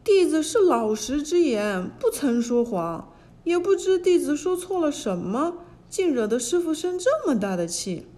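A woman voicing an excitable young male monkey king in a children's storybook reading, high and pleading. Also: moderate pace. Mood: tearful.

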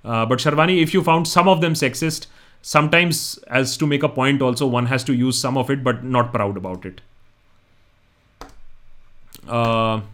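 A man's voice: medium pitch, fairly bright tone. A man with an Indian accent hosting a casual audience Q&A, talking conversationally and switching between English and Hindi. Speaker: host. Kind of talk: casual live audience Q&A talk.

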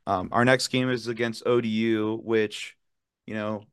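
A young man in college co-hosting a sports podcast, telling animated fan stories in casual chat. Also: on the low side, a little slow, smooth, no echo, studio quality. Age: young adult. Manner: animated storytelling, rowdy student fan. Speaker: podcast co-host.

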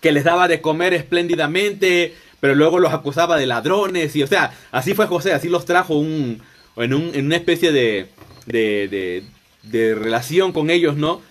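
A man's voice: a little high, moderate pace. A man retelling a Bible story in a loose, conversational sermon, often restarting and rephrasing as he goes. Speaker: preacher. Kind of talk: informal Bible teaching.

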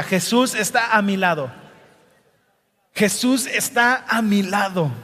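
High-voiced man preaching in reverberant hall. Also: a bit bright. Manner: dramatic, acts out scripture quotes. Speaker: pastor. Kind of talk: sermon.

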